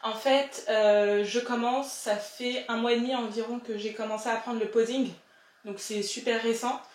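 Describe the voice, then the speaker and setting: Woman vlogger, casual chat to camera, self-mocking, quick laughs, fairly high voice, echoey room, music behind. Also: fairly even intonation.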